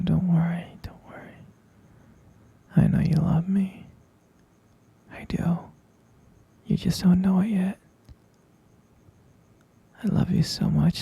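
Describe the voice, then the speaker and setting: A young man voicing an obsessive boyfriend who keeps his lover caged, whispering in a soft, coaxing way. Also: high voice, no echo, full character voice. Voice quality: breathy whisper. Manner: soft, coaxing, menacingly sweet. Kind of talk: whispered ASMR roleplay.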